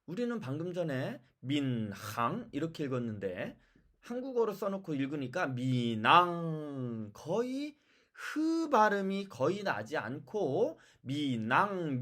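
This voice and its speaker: A language teacher giving a pronunciation lesson, explaining step by step and repeating example words slowly. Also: mid-range voice, darkish tone. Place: lives in China.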